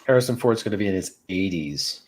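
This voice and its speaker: A man's voice: deep voice, animated, fairly quick. A man co-hosting a casual podcast chat, joking around and riffing on old movie lines. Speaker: podcast co-host.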